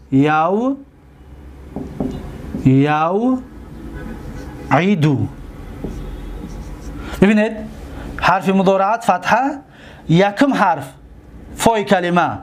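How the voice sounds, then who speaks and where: A man with a Tajik accent teaching a grammar lesson, drilling word forms slowly and answering his own questions. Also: sits high, slight background noise. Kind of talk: classroom lecture, explaining grammar.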